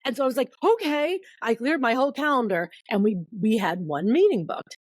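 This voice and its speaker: A woman guest on a podcast telling a long personal story in casual conversation, acting out quoted voices with big jumps in pitch. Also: expressive, quick pace, no room sound.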